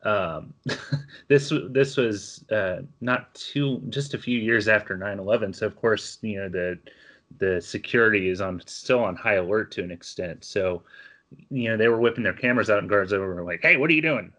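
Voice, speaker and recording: A man's voice: fairly low pitch, normal speed, a bit bright. A man co-hosting a podcast, telling stories in a chatty way and laughing often. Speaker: podcast co-host. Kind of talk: casual chat.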